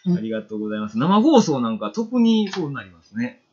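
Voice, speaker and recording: A man's voice: a little high, very animated, fast talker, warm tone, breathy edge, lo-fi sound. A man with a Kansai accent giving a casual, chatty watercolor painting demo on a live stream, reading viewer comments aloud.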